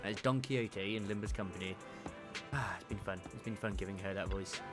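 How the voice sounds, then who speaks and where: A man's voice: lowish voice, a little fast, music in the background. A man giving casual, chatty live commentary as he plays a game, often muttering to himself. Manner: chatty, muttering to himself, sing-song asides. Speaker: gaming streamer.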